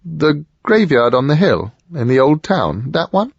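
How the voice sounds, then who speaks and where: Icy clipped mother, voiced by a man, raised pitch, husky tone. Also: very animated, measured pace, no echo, dull audio, heavily acted. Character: wary, cold middle-aged mother, thin-lipped.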